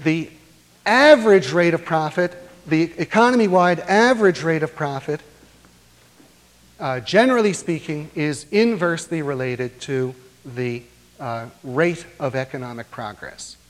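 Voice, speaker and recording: Man, lecturer, academic lecture, slightly high voice, deliberate with frequent pauses, long hall reverb.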